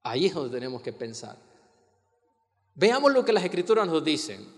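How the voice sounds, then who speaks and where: Guy pastor preaching, kinda high voice, punchy then soft, lots of hall echo. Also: very animated. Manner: emphatic preaching, swinging between loud stresses and soft, slow asides; invites the congregation to repeat lines. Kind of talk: sermon.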